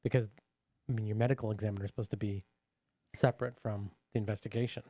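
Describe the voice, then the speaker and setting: A man's voice: on the low side, steady tone, quick pace, warm tone, no echo. Earnest man arguing on a podcast. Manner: earnest, argumentative, restarts often. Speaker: podcast co-host. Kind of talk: casual reaction chat.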